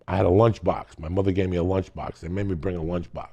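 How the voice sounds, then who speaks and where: A man's voice: sits low, steady tone, fast, vocal fry, dark tone, dull audio. A middle-aged man, telling wild stories in casual, profane podcast chat, often breaking into laughter. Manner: profane, rambling, laughing storyteller.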